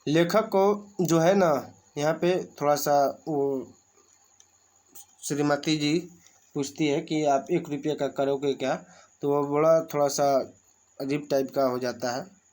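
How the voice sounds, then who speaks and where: Male teacher, unhurried and slightly high voice, reads a text and explains it plainly. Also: darkish tone. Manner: reads a passage aloud, then explains it in plain words. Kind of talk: reading and explaining a school lesson.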